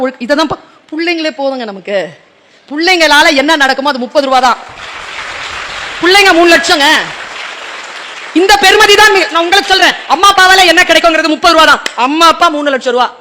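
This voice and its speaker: A man with a strikingly high voice delivers a motivational speech to a room of students. His tone is bright and forceful, and he keeps turning to the audience with pointed rhetorical questions, slipping into quick acted dialogues to make his point. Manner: rhetorical, quizzes the audience directly; acts out short dialogues in between. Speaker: motivational speaker addressing students.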